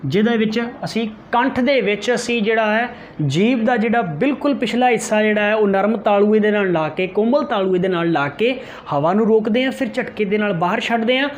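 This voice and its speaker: A male teacher giving an exam-prep grammar lesson, repeating key terms, slowly sounding out example letters and answering his own questions. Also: high-pitched, muffled recording, a little hiss or hum.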